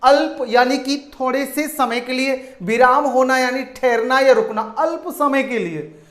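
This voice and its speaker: A man's voice: very high-pitched, a little slow, fairly bright tone. A man teaching a grammar lesson to online viewers, often asking a question and answering it himself. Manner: addresses viewers as friends, asks and answers own questions. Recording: echoey room.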